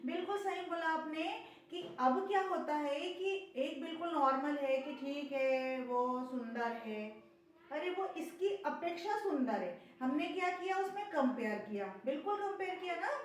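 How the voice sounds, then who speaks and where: Woman teacher, high voice, beginner grammar lesson, recorded from far off in a very echoey room with faint noise. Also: lively intonation, normal speed. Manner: explains patiently, repeats words and asks the viewer to confirm. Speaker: English teacher.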